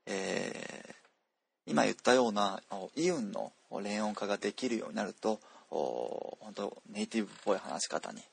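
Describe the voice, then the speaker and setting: A man teaching pronunciation, explaining slowly with many drawn-out fillers and repeating example words aloud. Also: fairly low pitch, lively intonation, gravelly, slightly rough. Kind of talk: explanatory lesson, casual spoken.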